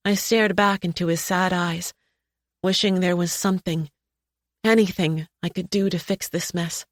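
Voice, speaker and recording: Female audiobook narrator, soft and emotional, low voice, dry close sound. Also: fairly even intonation, normal speed, no echo. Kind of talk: first-person audiobook narration.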